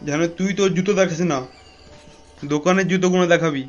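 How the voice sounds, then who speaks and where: A man's voice: high voice, fairly even intonation, fast talker. A man voicing bossy, scolding comic cartoon dialogue. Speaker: voice actor for cartoon figures. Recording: slightly dull lo-fi audio with faint hiss.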